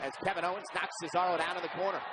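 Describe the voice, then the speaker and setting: A man doing excited live play-by-play wrestling commentary, punching out each call of the action. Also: high-pitched, racing. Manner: emphatic, punchy calls of the action. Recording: loud crowd noise behind live broadcast. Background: roaring arena crowd.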